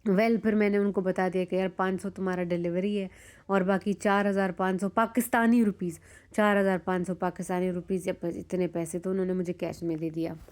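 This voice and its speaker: A young woman from Pakistan narrating a casual vlog, chatty and animated, with many fillers as she tells the story. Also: on the low side, brisk. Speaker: vlogger.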